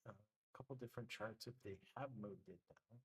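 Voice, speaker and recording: A man's voice: lowish voice, fairly quick, rough recording. A man hosting a live trading stream, talking loosely through his charts with many fillers, his voice getting worn. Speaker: trading livestream host. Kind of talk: casual live trading commentary.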